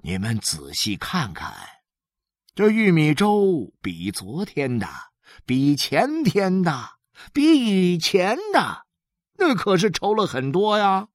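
A man reading aloud as a hungry, gruff working-class father with a coarse, drawling way of talking. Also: high voice, huge pitch swings, slow, no echo, studio quality, pitched above the performer's own voice, full character voice. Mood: coaxing.

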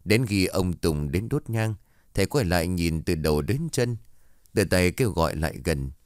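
A man narrates a horror story in a steady, measured way. His voice sits very low. The recording is dry, with no room sound. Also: no echo. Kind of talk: scripted narration of a horror tale.

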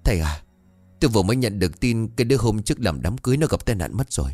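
A man's voice: lowish voice, animated, very fast, darkish tone, dry recording, soft background music. A man voicing an anxious, agitated middle-aged businessman in a ghost story, asking urgent questions.

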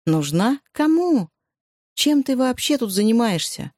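A narrator voicing a gruff, domineering soldier husband who gives blunt orders in a dry recording. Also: mid-range voice, moderate pace, darkish tone, dry recording, lightly acted.

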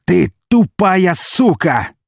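A man's voice: medium pitch, expressive, normal speed, vocal fry, breathy edge, dry recording, clean studio sound, voice pushed up, full character voice. A man voicing a cruel, menacing nobleman who snarls harsh threats and drags out his words. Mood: raging. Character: cruel menacing nobleman count, brutal and cold.

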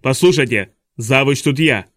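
A man's voice: medium pitch, fairly quick, fairly bright tone, no room sound, clean studio sound, natural voice. A man voicing a petty, tyrannical vice principal who is bossy and smug and snaps at everyone, in an audiobook. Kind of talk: audiobook dialogue reading.

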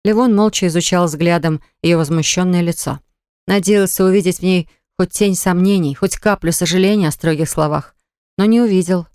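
An audiobook narrator reading a romance novel chapter in an even, measured way. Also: medium pitch, clear, resonant tone, no echo, studio quality.

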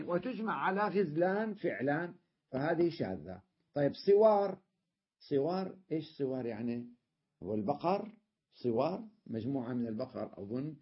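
A man's voice: medium pitch, slightly rough, dull audio. A man teaching a grammar class, explaining step by step and often checking that his students follow. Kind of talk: classroom lesson.

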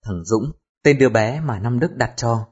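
A man narrating an audiobook in a steady storytelling voice. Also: medium pitch, moderate pace, slightly rough. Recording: dull lo-fi recording with music.

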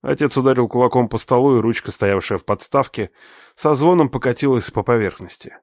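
A man narrating a first-person story in a tense, measured audiobook style. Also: mid-range voice, darkish tone, no room sound, clean studio sound.

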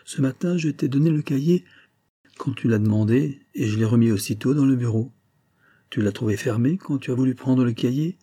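A man reading aloud and voicing a worried wife who gently soothes her sick husband. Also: mid-range voice, fairly quick, breathy edge, pitched above the performer's own voice, lightly acted. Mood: earnest. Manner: soothing, pleading.

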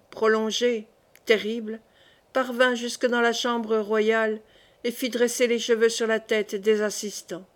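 A woman reading a classic novel aloud as an audiobook narrator, in a measured, clear way. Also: on the high side. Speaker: audiobook reader.

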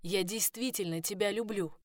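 A woman's voice: mid-range voice, moderate pace, no echo, clean studio sound, lightly acted. A woman voicing a desperate young man in love, pleading, in a first-person audiobook.

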